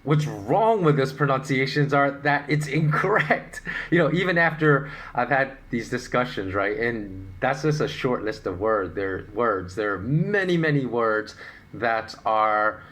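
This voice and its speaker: A middle-aged man hosting a solo podcast, explaining his views in an animated, opinionated way with rhetorical questions. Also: medium pitch, measured pace. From United States. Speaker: podcast host.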